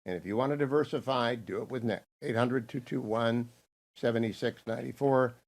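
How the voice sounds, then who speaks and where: A man in his sixties hosting a radio talk show, hoarse from laryngitis, brisk and opinionated. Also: medium pitch, a little mellow. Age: 60s. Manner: brisk, opinionated, reads ad copy.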